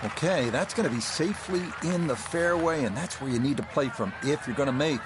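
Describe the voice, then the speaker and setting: A man playing a composed lead golf commentator, calling play in measured, brief broadcast observations. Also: a little high, animated, noisy background, lightly acted. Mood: measured, attentive. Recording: loud music and crowd behind.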